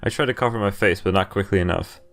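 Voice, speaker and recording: A man hosts a game playthrough, reading visual novel narration aloud and breaking off now and then for casual commentary. His voice sits on the low side and is a bit bright, he talks fast, and faint music plays behind him.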